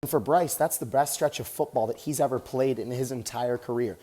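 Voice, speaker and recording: An American man with a mellow, medium-pitched voice speaks a little fast as he jogs on a treadmill. Acting as a vlog host, he gives enthusiastic, casual sports commentary while exercising.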